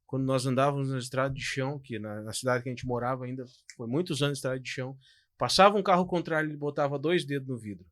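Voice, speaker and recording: A man, co-hosting a pastoral podcast in a casual, animated storytelling way. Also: medium pitch, fast talker, dry recording, clean studio sound. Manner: animated, storytelling, frequent "cara" and "tu". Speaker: podcast co-host.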